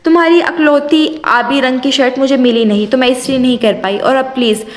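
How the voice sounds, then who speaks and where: A woman's voice: sits high, fairly even intonation, natural voice. A woman voicing a petulant, dramatic young wife in an audio novel. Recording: roomy echo.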